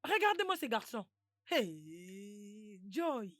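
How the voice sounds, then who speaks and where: A woman's voice: mid-range voice, big pitch swings, takes it slowly, fairly bright tone, dry recording, clean studio sound. A woman voicing a frantic woman in a dubbed film, urgently demanding a phone.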